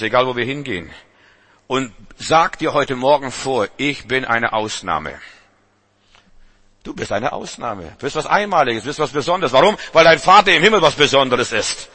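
A man's voice: medium pitch, pushed and bright, slightly rough. A man preaching a sermon to a church congregation, repeating and urging his listeners. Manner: emphatic, repetitive exhortation. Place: church service.

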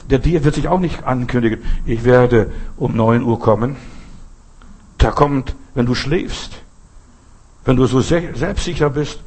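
A man's voice: mid-range voice, a little mellow, slightly rough. An older man, a pastor, preaching an earnest sermon and telling stories with acted-out quotes.

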